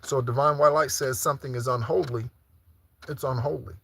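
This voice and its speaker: A man's voice: mid-range voice, fairly even intonation, brisk, gravelly, fairly bright tone, a little hiss or hum. A man preaching an informal live-streamed sermon, teaching through repeated rhetorical questions and frequent check-ins. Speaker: preacher leading an online Sunday service.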